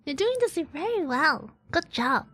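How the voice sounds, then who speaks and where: A woman with a high, bright voice chats playfully while streaming a game, laughing often. She talks at an easy, unhurried pace on a dry, close mic. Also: very animated, no echo, faint music behind. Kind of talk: casual game stream chat.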